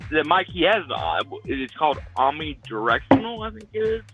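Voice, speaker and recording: A man's voice: on the high side, big pitch swings, normal speed, over music, low-quality recording. A man co-hosting a podcast, chatting casually and stammering over repeated words. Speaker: podcast co-host. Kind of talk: casual chat.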